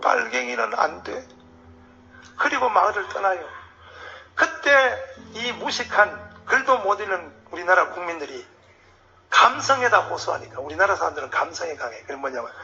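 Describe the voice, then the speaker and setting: Fiery high-voiced Korean pastor. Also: male voice, muffled recording, a little hiss or hum. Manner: fiery, swings from shouting to hushed asides. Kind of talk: political sermon lecture.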